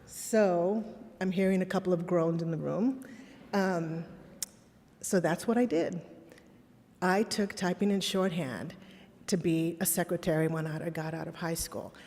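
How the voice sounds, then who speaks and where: In a large conference hall with lingering reverb, a middle-aged woman gives an honest, thoughtful keynote built on personal stories and rhetorical questions. Spanish was her first language; she comes from a Texas border town and was raised in Los Angeles. She speaks a little slowly in a lowish, slightly mellow voice.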